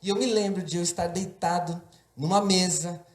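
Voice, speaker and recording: A man preaching a sermon as pastor, impassioned and building to forceful emphasis. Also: sits high, fairly even intonation, moderate pace, roomy sound. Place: church.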